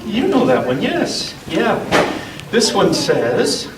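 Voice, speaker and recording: An expressive, high-pitched male storyteller reads a children's story to a church group spanning all ages. Dramatic pauses and deliberate emphasis shape his reading, broken up by casual chatter with the audience. The echoey indoor room and distant mic leave faint noise in the recording.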